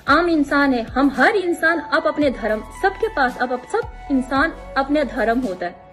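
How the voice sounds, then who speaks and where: A woman from Himachal Pradesh, a vlogger giving an impassioned, scolding monologue and repeating words for emphasis. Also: high voice. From Himachal Pradesh, India.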